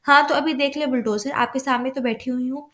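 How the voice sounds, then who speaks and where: Woman voicing a teasing young bride-to-be, Pakistani Urdu accent, high voice, cheeky and sharp-tongued, audio novel. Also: steady tone, fairly quick.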